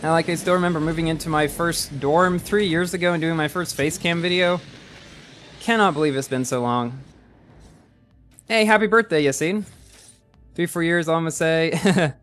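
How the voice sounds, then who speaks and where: A man in his early twenties chats casually while livestreaming a game and reading his chat, rambling and often repeating words as he restarts sentences. His voice is fairly high and fairly bright, moving at a normal speed with frequent pauses, and faint music plays underneath.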